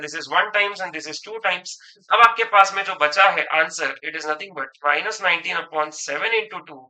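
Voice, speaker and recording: A young man with an Indian accent teaches a math lesson, slipping between Hindi and English. His voice is high and strikingly bright. He works through each step at an unhurried pace and keeps checking that his students are following. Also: low-quality recording. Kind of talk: online math lecture.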